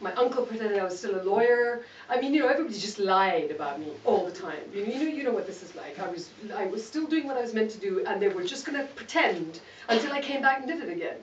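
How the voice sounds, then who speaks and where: Animated and fast, with few pauses, this middle-aged Malawian guest speaker talks candidly to her audience, poking fun at herself and laughing a lot in a medium-pitched voice. She's recorded in an echoey event hall through a distant mic, and the sound is dull and noisy.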